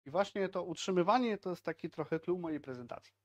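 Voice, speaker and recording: A man's voice: high-pitched, quick pace. A man in his thirties giving a casual talk at a tech meetup, chatty and conversational, full of fillers and tag questions. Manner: conversational, frequent filler "tak?" and "e". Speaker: software team speaker at a tech meetup. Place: meetup room in front of projected slides.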